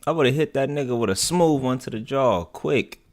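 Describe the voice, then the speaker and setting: A man's voice: mid-range voice, expressive, normal speed. Slangy, profane male reaction streamer. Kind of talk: casual reaction commentary.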